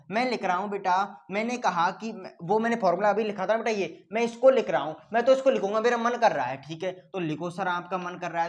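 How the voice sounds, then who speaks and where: Man, teacher, online lesson, repeats lines over and over, call-and-response, speaks for his students too. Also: high voice. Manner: answers for his students himself; calls listeners "beta".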